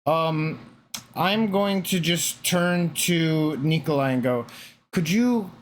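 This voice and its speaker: A man at a middle pitch who speaks slowly and deliberately as a player in a tabletop game. A faint hiss of noise sits behind his voice. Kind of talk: casual tabletop play, in-character bits.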